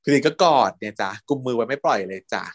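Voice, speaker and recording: A man's voice: medium pitch, fast. Laughing man recapping a series. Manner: laughs often, acts out lines from the plot. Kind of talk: casual chat.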